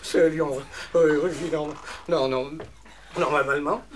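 A man's voice: a little high, steady tone, slow, voice pushed down. A man voicing a flustered male veterinarian who stammers and stumbles over his words, on a noisy recording.

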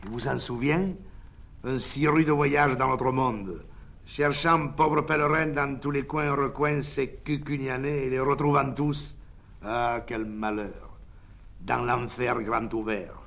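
A man's voice: medium pitch, steady tone, slow pace, creaky, a bit bright. A man voicing a jovial, theatrical village doctor who banters with townsfolk.

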